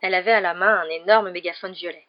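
A woman reads an audiobook at a steady, measured pace, her voice set somewhat low. The recording sounds dull and lo-fi, with little sparkle in the top end. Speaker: audiobook reader. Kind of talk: audiobook narration.

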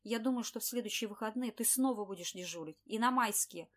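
A woman reading an audiobook, voicing a harsh, scornful male office boss who shouts at his employee. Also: on the high side, quick pace, close to an everyday voice. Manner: shouting, contemptuous. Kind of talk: audiobook character voice.

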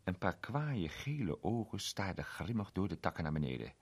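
Husky, lively male story narrator. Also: low-pitched, normal speed. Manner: expressive, animated storytelling. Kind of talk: audiobook reading of a short story.

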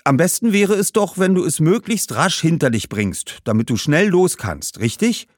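A man's voice: fairly high pitch, big pitch swings, normal speed, no echo, clean studio sound, pitched above the performer's own voice. A man reading aloud, voicing a curious, thoughtful young boy who talks in an earnest, questioning way.

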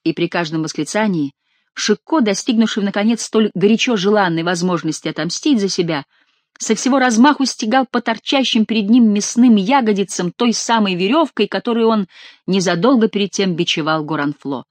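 A woman's voice: mid-range voice, fairly quick, no echo. Woman narrating an audiobook, dry close sound.

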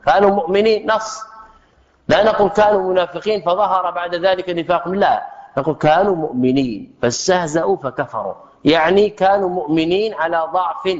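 A man teaching an Islamic text in a religious lecture, speaking emphatically and posing rhetorical questions to his audience. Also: fairly high pitch. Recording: echoey hall, dull lo-fi sound.

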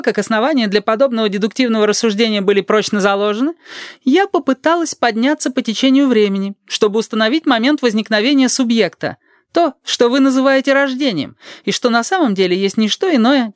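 A stiff, otherworldly young woman, as an audiobook reader puts her on, who lectures in a creaky, grating voice. Her pitch sits far above the reader's own and swings widely, and the sound is close and dry. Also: animated, brisk, no room sound, lightly acted. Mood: lecturing. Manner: formal, lecturing tone.

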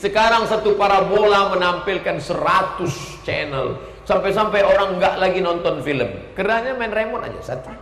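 A man from Indonesia preaching a lively, humorous sermon, joking with the crowd and shouting out lists for emphasis. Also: high-pitched, normal speed, slight background noise. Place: large hall with a stage. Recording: echoey hall with long reverb.

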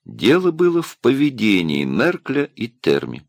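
A man narrating a science fiction audiobook in an expressive storytelling manner. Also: medium pitch, unhurried, vocal fry, no room sound. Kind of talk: scripted narration.

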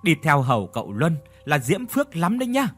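A man voicing a loud, jovial farmhand who calls out to the other workers in an audio story. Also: on the high side, wildly swooping pitch, brisk, faint music behind, pitched above the performer's own voice.

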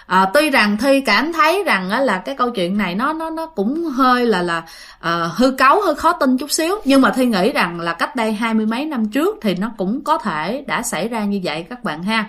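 A woman telling a ghost story casually to her listeners, acting out the quoted shouting in a raised voice. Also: a little high, very animated, fairly quick.

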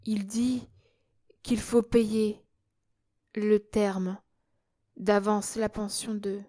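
A woman voicing a hypnotized prince who gives slow, halting answers in a trance in an audiobook. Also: mid-range voice, little pitch movement, warm tone. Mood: entranced. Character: hypnotized prince, grown man, dazed and obedient.

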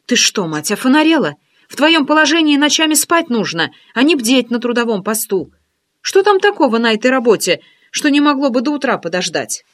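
A woman voicing a brash, talkative female friend who teases and scolds in a lively, bossy way, in an audiobook. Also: high voice, fairly quick, voice pushed up. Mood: nosy. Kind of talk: audiobook character voice.

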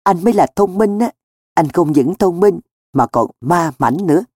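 A man's voice: high-pitched, expressive, normal speed, a little mellow, slightly rough, no room sound, voice pushed up. A man voicing a bashful, polite schoolgirl with a lilting, innocently surprised way of talking, read close and dry like a storybook. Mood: admiring.

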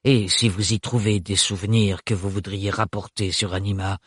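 A curt, emotionless young suitor speaks slowly and low, every word flat and unbothered, as a male narrator puts him on. The voice is husky and sits close and dry. There is no warmth anywhere in it. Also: dry recording. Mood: cold, flat. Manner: flat, neutral, unhurried delivery. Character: cold, curt young man, emotionless and blunt.

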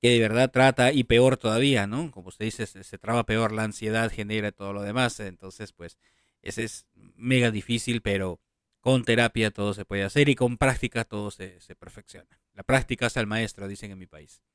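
A man's voice: fairly low pitch, fairly even intonation, normal speed, smooth, no echo, clean studio sound. A man hosting a radio interview, rambling a bit as he shares thoughts with his guest. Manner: rambling, many fillers and restarts. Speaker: radio show host. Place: online radio studio.

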